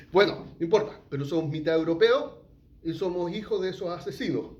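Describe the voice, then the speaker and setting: A man's voice: high voice, expressive, normal speed, highs cut off. A middle-aged man, teaching a sermon and asking the congregation questions. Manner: asks the congregation questions, frequent "¿ya?". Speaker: pastor.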